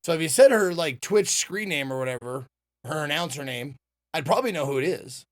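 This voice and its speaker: A man's voice: a little high, lively intonation, brisk, no room sound, studio quality. A man giving informal, jokey let's play commentary as a game streamer. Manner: informal, jokey, reacts and reads dialogue aloud. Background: game music.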